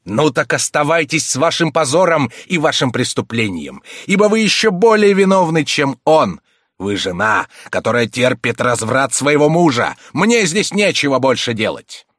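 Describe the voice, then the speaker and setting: A man's voice: mid-range voice, expressive, moderate pace, no echo, clean studio sound, voice pushed up, close to an everyday voice. A man voicing an angry, accusing country priest in a dramatized audiobook reading. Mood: furious. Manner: thundering, accusing, preachy. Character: stern fiery male country priest.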